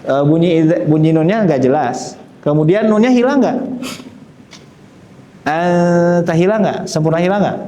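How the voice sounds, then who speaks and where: A man's voice: a little high, expressive, measured pace, mellow. A man teaching Quran recitation, patiently explaining and modelling sounds for students to repeat. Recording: echoey room.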